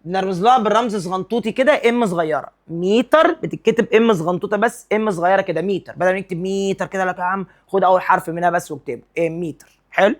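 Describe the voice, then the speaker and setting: A man with an Egyptian Arabic accent teaching a lively physics lesson, quizzing and teasing his students and mixing English terms into his speech. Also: sits high, fast talker, hardly any pauses.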